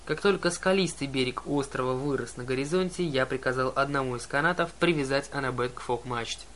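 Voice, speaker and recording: A man's voice: mid-range voice, fairly quick, fairly bright tone, slight background noise. A man reading a story aloud in first person as an audiobook narrator. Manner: reads the story in first person and voices every character himself. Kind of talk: scripted narration.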